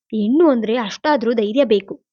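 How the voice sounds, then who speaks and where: A woman's voice: on the high side, moderate pace, warm tone, muffled recording, lightly acted. A woman voicing a worried, protective middle-aged mother who grumbles and soothes her daughter in a storybook reading. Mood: grumbling.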